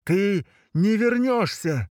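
A man voicing a huge menacing fish monster beneath the ice, its voice hollow and muffled as if booming from inside a barrel. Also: animated, slow pace, no room sound, clean studio sound. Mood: threatening. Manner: booming threats, loud and commanding. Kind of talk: audiobook fantasy narration.

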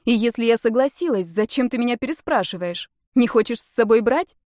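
A woman reading a story, voicing a jealous, stubborn young woman in love with a raised, louder voice. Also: fairly high pitch, lively intonation, brisk, no room sound, clean studio sound, natural voice. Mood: indignant. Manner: teasing and stubborn.

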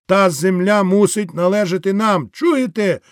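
A man's voice: high-pitched, unhurried, dry recording, voice pushed up. A man doing a fiery wounded soldier stirring a crowd. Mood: fiery, rousing. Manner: fiery, declaiming. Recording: dry close studio sound.

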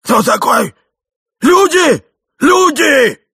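A doting, fussy old husband grows loud and flustered, as a man acts him out. His voice is gravelly and sharp, with wide swings in pitch, like a storybook reading. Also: slow, no room sound, studio quality, exaggerated voice. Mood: alarmed shouting. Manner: excited shouting.

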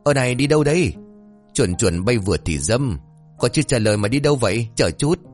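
A man's voice: deep voice, lively intonation, fast, soft background music. A man voicing a nosy, dim-witted young sidekick who blurts out cheeky remarks.

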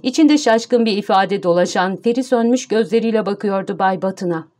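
A woman narrating an audiobook in a measured, storytelling manner. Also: mid-range voice, dark tone. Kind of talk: scripted narration.

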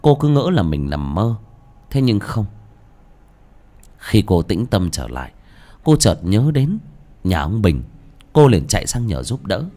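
A man giving dramatic, expressive scripted narration of a horror story. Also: fairly low pitch, a little slow, long pauses. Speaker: audiobook narrator.

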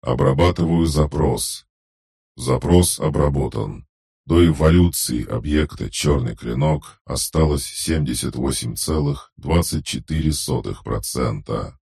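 A man's voice: a bass voice, unhurried, gravelly, darkish tone, breathy edge, no echo, clean studio sound, full character voice. A man voicing an emotionless magic system that answers like a computer processing a request, in clipped, report-like readouts. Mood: mechanical. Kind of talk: audiobook narration.

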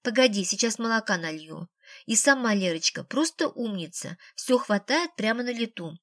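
A woman's voice: mid-range voice, lively intonation, moderate pace, fairly bright tone, no room sound, clean studio sound. A woman voicing a strict, talkative grandmother who fusses over her family, in an audiobook. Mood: chatty. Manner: bossy, fussing, talkative.

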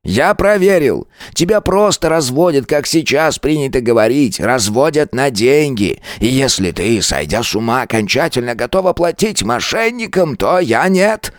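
A man's voice: medium pitch, sing-song, moderate pace, few pauses, no echo, clean studio sound, voice pushed up, natural voice. A man voicing a stern older husband who speaks curtly and mockingly to his wife. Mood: exasperated. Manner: curt, cold, mocking.

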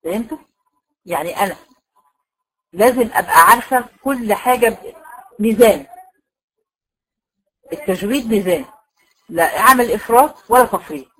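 A woman's voice: mid-range voice, animated, a bit bright, breathy edge, low-quality recording. Egyptian woman patiently teaching Quran recitation. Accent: Egyptian Arabic. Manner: explains step by step, asks the class questions; drawls example words very slowly. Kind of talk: online tajweed lecture.

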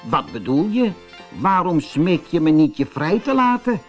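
A man's voice: fairly high pitch, sing-song, measured pace, soft background music, pitched above the performer's own voice. A man voicing a vengeful, scheming male fox in a storybook, sneering and gloating.

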